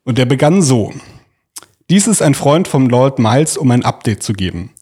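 A podcast host tells a story in an informal, colloquial, conversational way, reading out quotes as he goes. His medium-pitched voice is very animated, mellow, and slightly rough, at a moderate pace.

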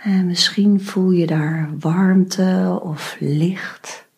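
A woman guiding a meditation, giving slow, soft instructions with long pauses. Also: fairly low pitch, steady tone, vocal fry, husky. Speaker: meditation guide. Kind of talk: guided meditation.

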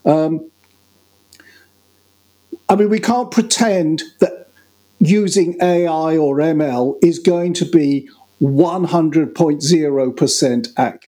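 A male podcast guest explaining his views in a measured, explanatory way. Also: on the high side, mellow. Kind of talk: casual podcast conversation.

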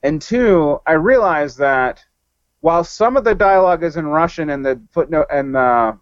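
A man talking as a podcast guest in loose, casual conversation, often restarting and correcting himself mid-thought. His voice sits a little high for a man. The audio is dull and lo-fi with a dead-dry sound. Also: expressive, moderate pace, no room sound. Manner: rambling, with many restarts and self-corrections. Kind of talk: casual film discussion.

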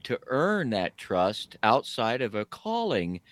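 A man's voice: mid-range voice, very animated, slow pace, no echo. A man co-hosting a podcast, chiming in with wry, sarcastic remarks in casual chat. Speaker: podcast co-host.

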